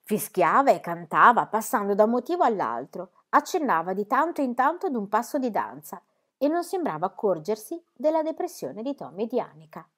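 A woman reading a children's novel aloud in an expressive, animated way. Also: mid-range voice, fairly quick. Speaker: reader.

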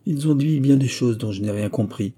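A man's voice: medium pitch, normal speed, mellow, breathy edge, natural voice. A man voicing a chatty, loyal young manservant who talks in a familiar, blunt way in an audiobook reading. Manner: familiar and talkative, swearing by God.

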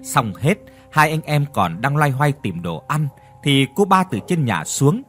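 Guy reading a ghost story, lively delivery, faint music. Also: on the high side, unhurried. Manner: expressive reading of all roles. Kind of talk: scripted ghost story narration.

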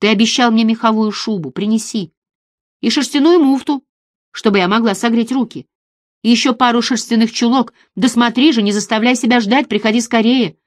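A woman's voice: on the high side, fairly quick, no room sound, clean studio sound, lightly acted. A woman voicing a frail, frightened dead girl. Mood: plaintive. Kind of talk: audiobook reading.

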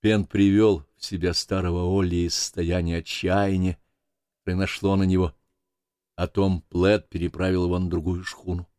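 A man narrating an audiobook in an even, measured reading voice. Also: sits low, smooth, dry recording, clean studio sound. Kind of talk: scripted narration.

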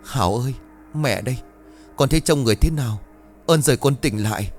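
A man's voice: lowish voice, expressive, normal speed, soft background music, natural voice. A man voicing a frightened older village mother who wails and pleads in tears. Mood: tearful relief. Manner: wailing, pleading.

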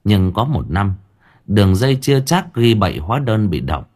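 A man narrating a story in a colloquial, wry and lively way. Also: on the low side, moderate pace. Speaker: audiobook narrator.

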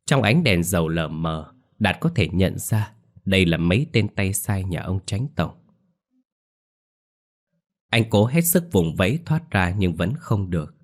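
Deep-voiced male storyteller for scripted ghost story narration, steady delivery. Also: unhurried, pauses often.

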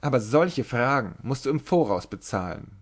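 A man voicing a bold, sharp-tongued young woman who mocks her companions and tells her past in half-chanted rhymes. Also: medium pitch, animated, close to an everyday voice. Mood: teasing. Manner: teasing, quick retorts, half-chanted rhymes.

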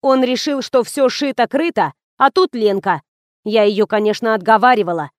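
A woman's voice: a little high, moderate pace, no room sound, studio quality, lightly acted. A woman reading an audiobook, voicing a gloomy, secretive woman who speaks grimly. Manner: grim, muttering.

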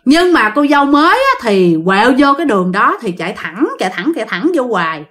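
A woman tells a ghost story in a casual, animated way, often addressing her listeners directly. Her voice sits fairly high and rises and falls with lively swings in pitch. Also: fairly quick.

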